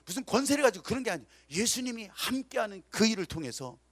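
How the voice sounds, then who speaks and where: A man's voice: sits high, sing-song, fast, no echo. A male pastor preaching a sermon with dramatic storytelling, acting out the people in his stories and calling for amens. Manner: dramatic storytelling, acts out quotes; emphatic, calls for amens.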